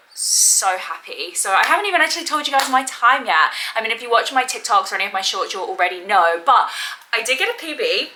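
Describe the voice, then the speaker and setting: A woman's voice: mid-range voice, bright, forceful tone, poor audio. A young adult woman chatting casually to her viewers as a vlogger. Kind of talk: casual chat to camera.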